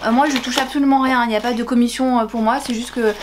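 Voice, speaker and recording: A young woman in a relaxed unboxing chat, her voice sitting a little high. She rambles and hesitates, then bursts into gushing exclamations over pretty book covers. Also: fast talker, noisy background. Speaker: book YouTuber.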